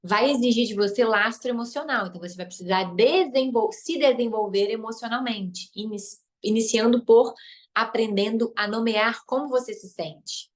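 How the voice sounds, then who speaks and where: Higher-voiced Brazilian woman coaching. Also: normal speed. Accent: Brazilian Portuguese. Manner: emphatic, repeats key phrases, tag questions. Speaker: relationship coach and therapist. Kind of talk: live online masterclass.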